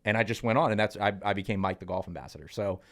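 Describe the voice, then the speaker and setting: Thirty-something guy, low-ish voice, chatty podcast storyteller, lots of ums. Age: 30s. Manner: lively, chatty, quick bursts with fillers. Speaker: podcast co-host. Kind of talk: casual storytelling in podcast chat.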